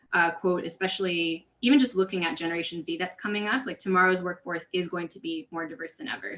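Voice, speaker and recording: A woman's voice: on the low side, pushed and bright. A woman from California, a diversity and inclusion coach speaking on a webinar panel in an earnest, conversational way with many fillers and restarts.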